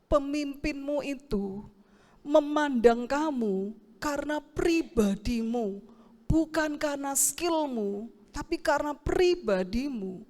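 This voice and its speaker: A middle-aged woman pastor preaches in an animated storytelling way, acting out the people she talks about. Her voice sits high for a woman. A long church-hall reverb trails after her words, picked up by a handheld mic. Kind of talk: sermon with acted anecdote.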